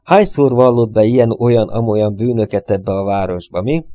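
A man playing a sweaty, tired police detective who talks in a gruff, impatient way. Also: on the low side, mellow, lightly acted. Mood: weary gruff.

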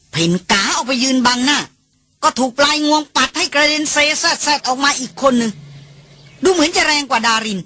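Husky woman reading an audiobook. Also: fairly high pitch. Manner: steady, measured storytelling. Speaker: audiobook reader. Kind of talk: scripted narration.

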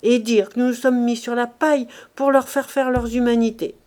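A woman voicing a cowardly middle-aged husband who shouts and blames everyone in a panic. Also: fairly high pitch, steady tone, normal speed, close to an everyday voice. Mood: furious. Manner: shouting, blaming, frantic.

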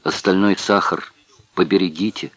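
A man doing a hushed, exhausted prisoner. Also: deep voice, fairly even intonation, normal speed, dry recording. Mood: hushed urgent. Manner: hushed, urgent. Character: weak, exhausted male prisoner, stubborn.

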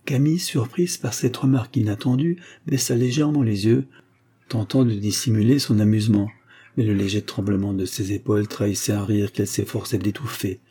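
A man narrating an audiobook in measured, steady storytelling. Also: lowish voice, husky. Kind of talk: scripted narration.

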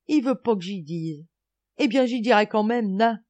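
A woman voicing a rowdy, excitable peasant schoolboy who shouts and swears in coarse rural slang. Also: medium pitch, moderate pace, pitched above the performer's own voice, close to an everyday voice. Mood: defiant.

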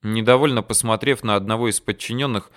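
Brief: male narrator, resonant clear voice, steady first-person audiobook reading. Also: on the low side, quick pace.

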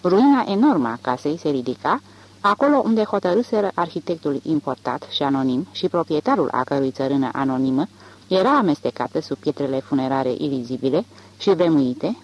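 Measured audiobook narrator, literary fiction, mid pitch, very lively intonation. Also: highs cut off.

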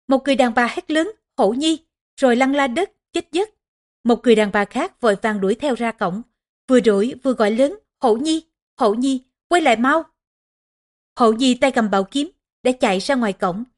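Female audiobook narrator, slightly high voice, steady scripted reading of a historical epic.

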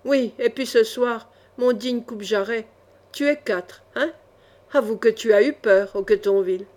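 Casting note: a woman reading a cool young swordsman hero, soft-spoken and mocking, fairly high voice. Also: a little slow, natural voice. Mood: ironic. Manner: gently mocking, calm. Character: calm, ironic young male swordsman hero.

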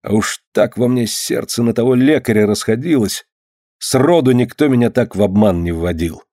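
A man's voice: medium pitch, normal speed, dark tone, no echo, studio quality, lightly acted. A man reading the part of a proud old-Russian boyar in an audiobook, speaking in a grave, archaic, indignant way. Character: proud, angry middle-aged old-Russian boyar lord.

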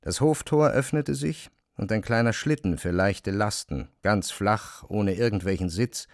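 A man reading literary narration for a radio play, measured and even. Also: on the low side, vocal fry, no room sound, clean studio sound.

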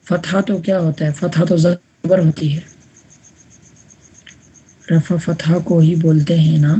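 Woman teaching grammar over voice chat, low husky voice, keeps asking if everyone gets it. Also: little pitch movement, dark tone. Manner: patient, repeats examples and checks understanding. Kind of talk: online class lecture. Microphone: online voice chat room.

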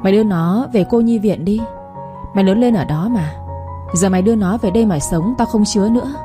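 A woman voicing an angry older mother-in-law who scolds and curses in a fast, harsh voice. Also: medium pitch, music in the background, close to an everyday voice. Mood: furious.

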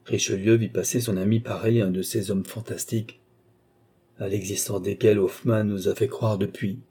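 Male narrator, audiobook reading, measured, dark mellow tone, husky. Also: fairly low pitch, steady tone. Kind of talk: scripted narration.

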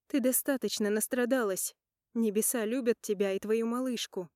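Steady, reassuring sister, as a woman reads her, warm and mellow in a dry, close sound. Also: on the high side, no room sound, close to an everyday voice. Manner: clear, deliberate, reassuring. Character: calm, firm adult sister, soothing and resolute.

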